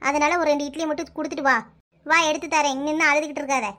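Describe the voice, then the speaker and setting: A woman's voice: high voice, steady tone, quick pace, sharp tone. A woman voicing a kindly older village woman in a cartoon, talking at length to scold and reassure, with a Kanyakumari Tamil accent. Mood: reassuring.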